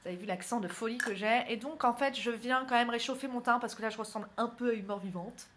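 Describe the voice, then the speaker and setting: A woman's voice: a little high, fast talker, fairly bright tone. A young woman from northern France, chatty and self-mocking, talking through her makeup routine in a casual tutorial. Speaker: beauty vlogger. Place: indoors at home, by a window.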